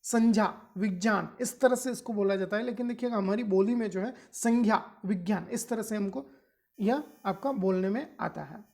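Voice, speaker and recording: A woman's voice: medium pitch, a little fast, mellow. A woman teacher giving an exam-prep grammar lesson, explaining step by step and often checking that students follow. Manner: explanatory, constantly checks understanding.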